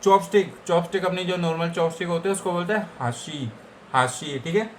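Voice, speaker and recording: A man's voice: sits high, brisk, a little hiss or hum. A man with an Indian accent teaching Japanese vocabulary in a casual lesson, repeating each word and checking in with his listeners. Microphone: computer setup.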